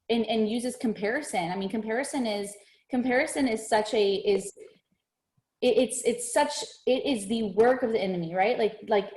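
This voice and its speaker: A woman's voice: on the high side, a little mellow. Gushing chatty woman in an echoey room. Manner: gushing, chatty, says "dude" and "like" a lot. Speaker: host. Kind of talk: casual chat.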